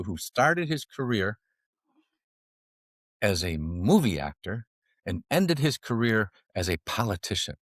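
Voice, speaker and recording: A man with a mid-range voice, a financial advisor, joins a podcast interview to tell stories. He's animated and jokey, cracking himself up with his own lines. The studio-quality audio has no room sound.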